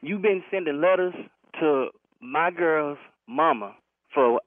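A man's voice: on the high side, sing-song, slow, creaky, no echo. A man heard over a phone call, talking firmly and cutting in. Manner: firm, interrupting, says "man" a lot. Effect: heard over a telephone line. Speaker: prank call target. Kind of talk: phone conversation on a radio show. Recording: tinny phone line.

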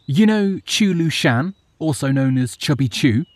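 A narrator voicing an excitable male retainer who speaks in an eager, breathless, high-pitched way. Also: measured pace, slightly rough, full character voice. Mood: excited.

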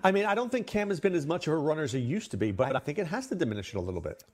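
A man hosting a casual fantasy football chat, opinionated and lively, leaping up in pitch to stress his points. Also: very fast. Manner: opinionated, lively, jumps to higher pitch for emphasis.

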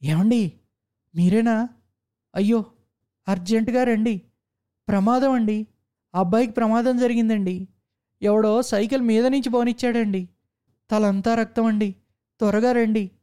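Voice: mid-range voice, steady tone, unhurried, long pauses, warm tone, clear, resonant tone, pitched above the performer's own voice, natural voice. A narrator playing a wife who is frantic and pleading on a phone call. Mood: panicked.

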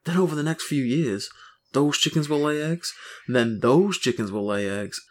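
A man playing a broke farmer husband in an audio story, excitable and rambling, full of grandiose schemes. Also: on the high side, normal speed, faint music behind, close to an everyday voice. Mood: eager, explaining.

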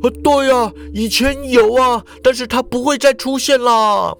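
A man's voice: very high-pitched, a little slow, creaky, a bit bright, voice pushed up, heavily acted. A man voicing a depressed, cowardly former superhero who whines and wails. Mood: flustered. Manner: whiny, panicky, wailing.

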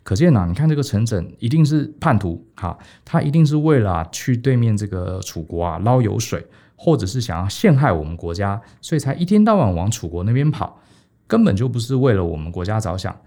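A man's voice: fairly low pitch, big pitch swings, a little fast, dark tone. A man voicing a scheming male court adviser in an ancient story, speaking in a wheedling, confiding tone. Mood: sly.

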